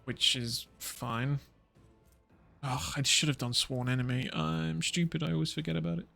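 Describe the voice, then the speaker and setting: A man's voice: mid-range voice, normal speed, gravelly, bright, forceful tone, faint music behind. A man streaming a strategy game, thinking aloud and muttering his moves in casual commentary.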